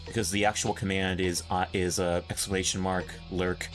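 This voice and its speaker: Excitable young man chatting on stream. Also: low-pitched, normal speed. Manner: chatty and excitable, laughs often, many restarts. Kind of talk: casual stream chat while gaming. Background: faint game music.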